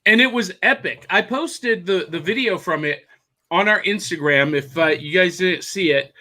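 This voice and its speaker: Speaking at a moderate pace with a sharp, high-pitched voice, a male co-host rambles happily over a video call. He's clearly excited to show off the things he discovered in this casual chat.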